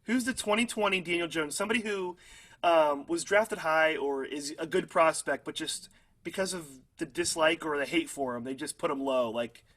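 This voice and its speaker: A man's voice: a little high, normal speed, a bit bright. A young man co-hosting a casual football podcast, chatty and hedging with fillers, often laughing at his own hot takes. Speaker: podcast co-host. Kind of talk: casual sports chat.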